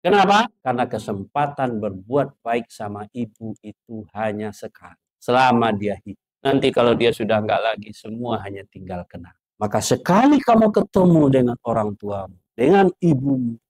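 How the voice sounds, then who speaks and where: Lively preacher swinging loud to hushed. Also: male voice, normal speed, hardly any pauses, dry recording. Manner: animated, acts out scolding parents with sound effects; swings from loud raised lines to low hushed asides. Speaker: preacher at an Islamic boarding school. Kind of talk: sermon to students.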